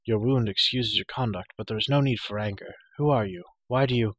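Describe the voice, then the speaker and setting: A man voicing a proud, cruel sorceress queen in an audiobook reading, silky and coaxing, turning shrill when enraged. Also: brisk, slightly rough, no room sound. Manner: silky, then shrill and raging.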